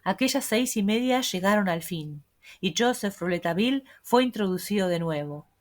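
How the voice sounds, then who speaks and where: A woman narrating a classic mystery novel as an audiobook, in a measured storytelling manner. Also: medium pitch, animated.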